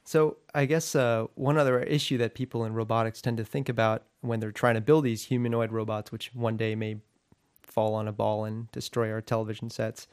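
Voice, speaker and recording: A man interviewing a guest, asking measured questions with fillers and pauses. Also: mid-range voice, flat delivery.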